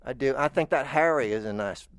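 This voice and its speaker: A man's voice: mid-range voice, fairly quick, clean tone, no room sound. Podcast host, American man, chatty and rambling, dry close mic. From United States. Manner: rambling, chatty, with stammered restarts. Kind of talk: casual chat.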